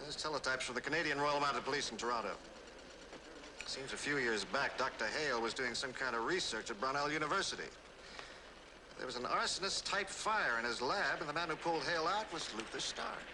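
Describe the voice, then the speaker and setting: Actor as brisk agency boss, noisy background. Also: male voice, mid-range voice, lively intonation, natural voice. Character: brisk male agency chief, businesslike and excitable. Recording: clear background noise.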